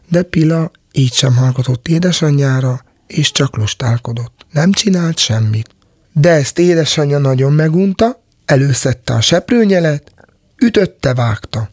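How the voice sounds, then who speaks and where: A man's voice: medium pitch, darkish tone, breathy edge, no room sound, studio quality. A man narrating a folk tale as a storyteller, sometimes dropping into a whisper.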